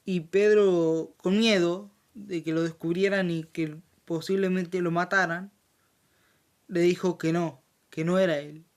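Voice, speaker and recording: A Bible study leader, talking in an unhurried, drawn-out way. The voice is smooth and clear, broken by frequent ums, restarts and amens. It is recorded on a phone held in the hand. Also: medium pitch. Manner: hesitant, full of fillers and self-corrections, says amen often. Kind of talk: informal Bible explanation and reading. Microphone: handheld phone.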